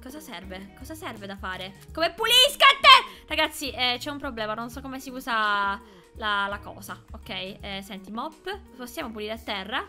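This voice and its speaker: A young woman gamer chatting to her viewers while playing, excitable and talkative. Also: fairly high pitch, normal speed. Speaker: gaming YouTuber. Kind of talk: let's play commentary. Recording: game music behind.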